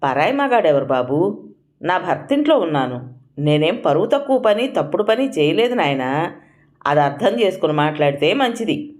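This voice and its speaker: A woman's voice: medium pitch, big pitch swings, moderate pace, darkish tone, voice pushed up, lightly acted. A woman reading an audio story, voicing a firm elderly mother who speaks sternly to her son.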